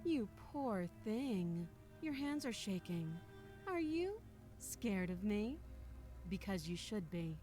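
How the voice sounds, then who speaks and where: A woman's voice: mid-range voice, big pitch swings, slow, dark tone. A menacing princess in a game, cold and mocking, music under her voice. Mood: mocking menace. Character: chained princess, coldly commanding, taunting and menacing. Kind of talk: video game voice acting.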